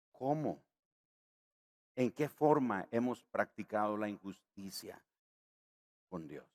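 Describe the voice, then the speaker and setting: A man from Nicaragua, a pastor preaching a sermon, rising in pitch and volume on key words and acting out the voices in his stories.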